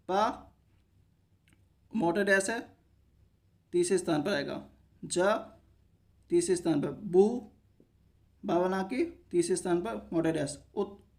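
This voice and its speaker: A man teaching a shorthand lesson, explaining each step by asking himself short questions and answering them, and often stopping to check that viewers follow. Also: high voice.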